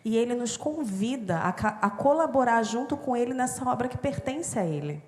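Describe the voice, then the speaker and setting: A woman's voice: fairly high pitch, lively intonation, normal speed, darkish tone. A woman with a Brazilian accent, a missionary and interpreter, speaking to a congregation in short phrases.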